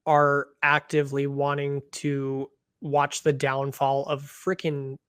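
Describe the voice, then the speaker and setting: A man co-hosting a podcast in casual chat, talking fast with lots of fillers and quoting others in little acted voices. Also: mid-range voice, completely flat delivery, a bit bright, clean tone, dry recording, studio quality. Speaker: podcast co-host.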